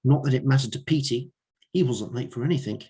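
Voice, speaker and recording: Male reader at an open mic, wry narration of his own fiction, husky, mid-pitched voice. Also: fast, mellow.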